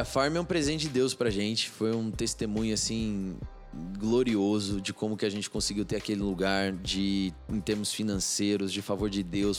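A man with a Brazilian Portuguese accent, a church interpreter, talking in an easygoing, laid-back way, full of fillers. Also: lowish voice. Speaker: church interpreter and ministry leader. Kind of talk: casual podcast conversation.

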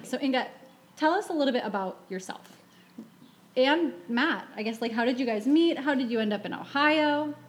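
A woman's voice: high-pitched, expressive, normal speed. A 24-year-old woman hosting a casual interview, affirming her guest with frequent "yeah" and "mm-hmm". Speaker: podcast host.

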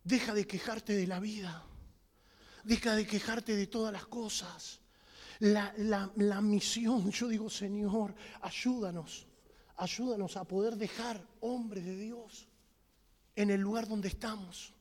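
A man preaching a sermon with passion, shouting for emphasis and telling humorous stories. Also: high voice, fairly even intonation, takes it slowly. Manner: impassioned, bursts into shouted emphasis; tells humorous stories to the congregation. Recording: long hall reverb.

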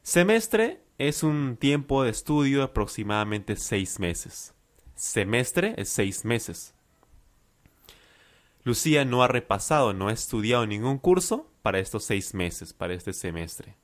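A man with a Peruvian accent explaining phrases as a language teacher, slowly and patiently, repeating phrases and listing synonyms. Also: medium pitch, sing-song. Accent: Peruvian Spanish. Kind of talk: explaining vocabulary.

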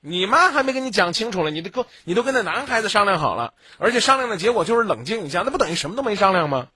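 Lively, bright-voiced blunt man lecturing a caller. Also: high-pitched, rapid-fire, breathy edge, dry recording, clean studio sound. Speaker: radio advice host. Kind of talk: late-night call-in advice. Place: radio studio.

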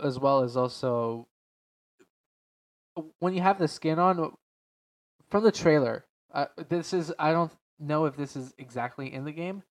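A man with a deep, slightly nasal, stuffed-up voice hosts a podcast. He talks casually and off the cuff, often hesitating and rewording himself as he rambles along. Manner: hesitant, rambling, self-correcting, frequent "like". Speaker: podcast host. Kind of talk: casual unscripted podcast talk about games and films.

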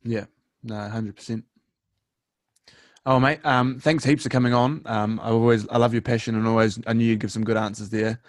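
A man's voice: mid-range voice, fairly even intonation, normal speed, no echo, clean studio sound. A young man with a New Zealand accent hosting a casual interview in an informal, matey way. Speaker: interviewer, host.

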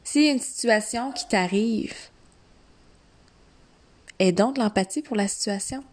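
A woman with a Quebec French accent giving an instructional coaching talk to one listener, deliberate and directive, speaking phrase by phrase with repetition. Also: a little high, darkish tone. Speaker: mindset coach.

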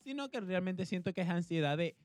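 A man with a Venezuelan accent, co-hosting a podcast, energetic and talkative in casual chat. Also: sits high, brisk, no room sound, faint music behind. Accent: Venezuelan Spanish. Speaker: podcast co-host.

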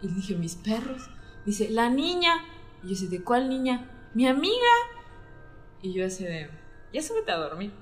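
A woman's voice: mid-range voice, fairly quick. A woman with a Mexican accent telling a story in casual chat, acting out the voices of the people in it. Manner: animated storytelling, acting out quoted dialogue. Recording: roomy echo, faint music.

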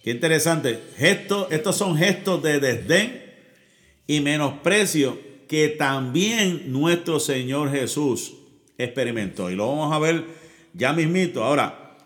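A pastor preaching a sermon, who often repeats words and asks the congregation "right?". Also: male voice, a little high, expressive, measured pace, fairly bright tone.

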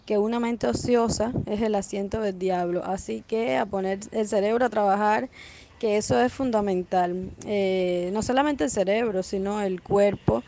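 A woman leaving a voice message that gives her opinion calmly and thoughtfully. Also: medium pitch, moderate pace, vocal fry, a little hiss or hum. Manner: thoughtful, steady, uses fillers. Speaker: listener sending a voice message. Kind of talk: casual opinion.

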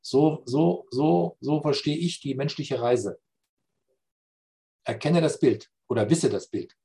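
Reflective man explaining ideas slowly. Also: a little high, vocal fry, dark tone. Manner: pondering, slow, often adds "ja?" to check understanding. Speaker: speaker on philosophy and spirituality.

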